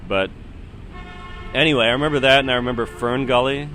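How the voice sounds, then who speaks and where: A man in his thirties hosts a solo podcast, offering casual, rambling commentary that's hesitant and musing and often trails off. His mid-range voice is bright and forceful, brisk with fairly even intonation, with a little hiss or hum.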